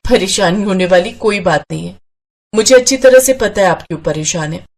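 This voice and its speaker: A woman voicing a gentle young sister-in-law in a cartoon story, speaking patiently like a peacemaker. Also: medium pitch, a little fast, a little hiss or hum, close to an everyday voice. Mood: calm. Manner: soft, patient, reasoning.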